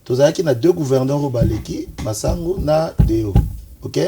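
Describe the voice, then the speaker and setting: A man's voice: medium pitch, moderate pace, over music. A man from Kinshasa giving insistent political analysis in a talk-show debate. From Congo, Kinshasa. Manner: insistent, analytical, pushes back when interrupted. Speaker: political commentator.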